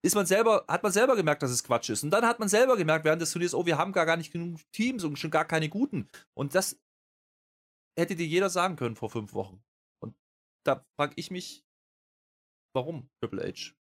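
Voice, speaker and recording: A man's voice: a little high, animated, brisk, a bit bright. A man chatting casually on a wrestling podcast, rambling with lots of fillers and restarts and getting worked up as he goes. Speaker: podcast co-host.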